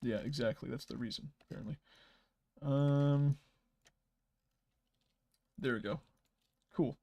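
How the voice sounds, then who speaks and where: A man hosting a casual livestream, rambling while he edits and often trailing off into soft mutters. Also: mid-range voice, slow pace, dull audio. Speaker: livestream host.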